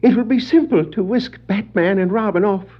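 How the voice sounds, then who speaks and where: A man playing the Joker, a high-pitched cackling villain. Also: normal speed, slight background noise, lightly acted. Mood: scheming. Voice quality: high, cackling laughter and whoops. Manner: theatrical, gloating. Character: gleeful, scheming male clown villain, the Joker. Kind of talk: 1960s children's record superhero acting. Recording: dull 1960s vinyl record dramatization.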